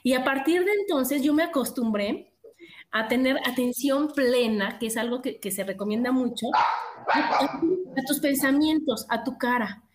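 Middle-aged Mexican woman, high voice, animated talker; echoey room. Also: normal speed, a little hiss or hum. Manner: animated, expressive storyteller. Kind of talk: casual chat.

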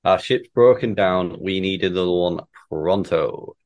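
A man's voice: sits low, a little slow, darkish tone. A man voicing an earnest, anxious but resolute space hero with melodramatic delivery in an amateur script reading. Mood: urgent.

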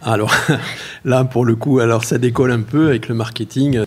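A man being interviewed about his work as a cheesemaker, explaining slowly and carefully with many hesitations. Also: mid-range voice, steady tone, darkish tone, husky. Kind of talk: casual spoken interview.

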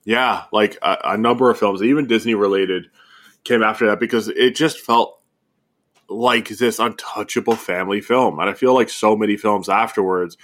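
A man's voice: on the low side, steady tone, normal speed, fairly bright tone. A man co-hosting a podcast, talking through films in a loose, rambling way with lots of fillers. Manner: rambling, many fillers and restarts. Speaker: podcast co-host. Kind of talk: casual film discussion.

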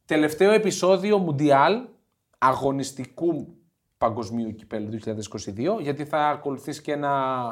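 A man co-hosting a casual football podcast chat, playful and joking, often stumbling and repeating words. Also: medium pitch. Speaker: podcast co-host.

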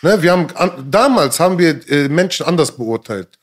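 High, lively-voiced rapper man. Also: brisk. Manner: emphatic, repeats himself, keeps checking in with the listener; street slang. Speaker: rapper guest. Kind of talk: casual interview talk.

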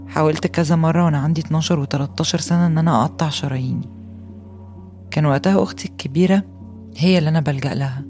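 An actress plays a young Egyptian woman in her twenties telling her own hard story, her Egyptian Arabic quick and earnest. The words tumble out at a fast clip in an intimate, scripted podcast narration. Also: sits low, mellow, natural voice. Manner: earnest and intimate storytelling, rising to agitation in retold fights. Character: young woman recounting a harsh mother, earnest, hurt. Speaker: voice actor reading a personal testimony.

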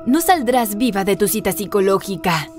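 A woman voicing a scheming evil twin girl in an animated story, speaking low and taunting. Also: moderate pace, music in the background, lightly acted.

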